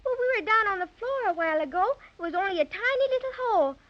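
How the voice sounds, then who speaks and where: A woman playing an excitable, polite, wonder-struck little girl in a 1930s radio play. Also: very high voice, fast. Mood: amazed. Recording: muffled noisy 1930s radio recording.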